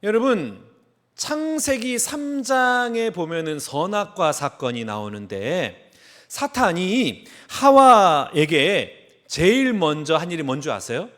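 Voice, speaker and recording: A man's voice: sits high, big pitch swings, a little slow, a bit bright. A middle-aged male pastor preaching a sermon, asking the congregation questions and acting out quoted voices.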